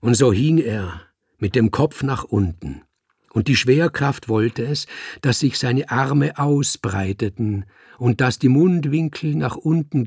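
A man reads a dark tale aloud in a measured, vivid way. His voice is gravelly and husky, recorded close and dry with no room sound. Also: mid-range voice, dry recording. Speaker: narrator. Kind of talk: dramatic first-person story reading.

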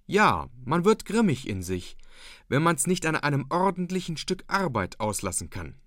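A man voicing an earnest, quietly determined young farmhand answering his father, in a lively reading. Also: a little high, moderate pace, no echo, clean studio sound, pitched above the performer's own voice.

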